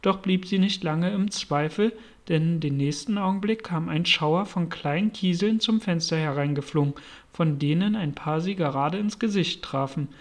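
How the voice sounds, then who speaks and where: A man narrating a storybook as an audiobook reader, in an even, measured way. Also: on the high side.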